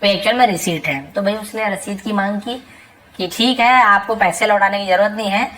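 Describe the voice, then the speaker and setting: A woman teaching English reading, saying each English phrase slowly and then explaining it quickly in Hindi with lots of repetition. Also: medium pitch, a bit bright, slight background noise, poor audio. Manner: repeats phrases and checks with "theek hai". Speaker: English tutor.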